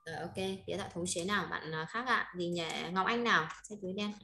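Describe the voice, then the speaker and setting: A woman teaching an online Chinese lesson, briskly drilling each word twice and coaching her students. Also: fairly low pitch, sharp tone, slight background noise. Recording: roomy echo.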